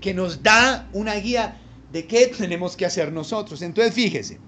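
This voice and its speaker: A man's voice: high-pitched, normal speed, sharp tone, a little hiss or hum. A man preaching a sermon as pastor, emphatic, with rhetorical questions, chuckling asides and colloquial address to his listeners.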